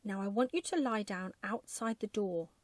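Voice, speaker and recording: A woman voicing a brisk, bossy but kind old wife in a soft ASMR bedtime storybook reading. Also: medium pitch, dry recording, lightly acted. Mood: firm. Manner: firm, bossy, matter-of-fact.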